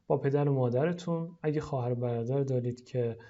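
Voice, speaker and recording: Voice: medium pitch, warm tone, dull audio. Persian-speaking teacher drilling English words. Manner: explains slowly, then models English words drawn out for repetition. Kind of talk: online lesson in Persian.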